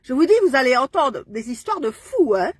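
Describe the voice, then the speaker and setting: Furious ranting woman, high voice. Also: very animated, brisk, husky, no room sound. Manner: furious, ranting, keeps tagging "hein". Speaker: Facebook live streamer. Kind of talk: angry live-stream rant.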